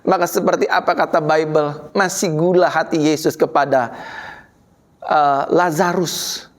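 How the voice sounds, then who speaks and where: A woman pastor preaching a sermon dramatically, swinging between loud and quiet passages. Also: low-pitched, steady tone, measured pace.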